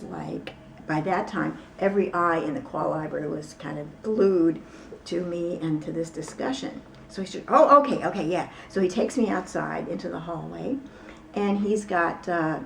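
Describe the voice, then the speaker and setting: Gravelly low woman rambling thru a story, lots of ums, a bit far from the mic. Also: slight background noise. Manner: rambling, with many fillers and asides. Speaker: interview guest. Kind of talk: casual storytelling.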